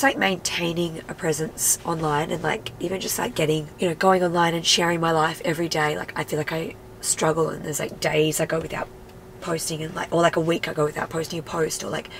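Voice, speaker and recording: A woman's voice: low-pitched, slight background noise, poor audio. A woman in her thirties with a nasal, congested voice from a cold, chatting candidly to camera from her car with plenty of "like" fillers. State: sick with a cold. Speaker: vlogger and mum. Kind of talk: casual car chat to camera. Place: inside a parked car.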